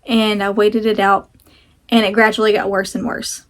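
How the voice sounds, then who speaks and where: A woman's voice: mid-range voice, little pitch movement, normal speed. A woman chatting casually to camera as a vlog host, rambling and self-deprecating, talking with a sore jaw that slightly restricts her mouth.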